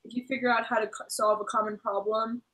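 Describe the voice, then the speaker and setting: A woman on a student help desk, her voice going hoarse, explaining practically with some hesitation. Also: on the high side, level tone, fast, a bit bright, rough recording. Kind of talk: casual discussion.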